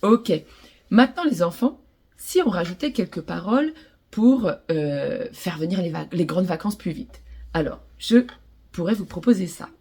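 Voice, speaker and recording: Gentle French woman teaching ukulele to children. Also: on the low side, lively intonation, moderate pace, slightly rough. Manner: gentle, encouraging, addresses children directly. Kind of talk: children's music lesson.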